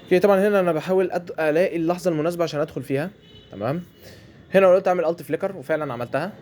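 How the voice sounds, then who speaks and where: Egyptian man, game commentary, very fast talker, slightly high voice, faint background noise. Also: a little mellow. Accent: Egyptian Arabic. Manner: fast, chatty, repeats phrases, colloquial. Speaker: gameplay commentator. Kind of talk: mobile game commentary over gameplay.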